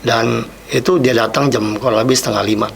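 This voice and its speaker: Man, gravelly voice, reflective testimony, asides drop quiet, podcast guest. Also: medium pitch, steady tone, fairly quick, a little hiss or hum. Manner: reflective, replays his own past words, drops quiet on asides. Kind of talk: personal testimony storytelling.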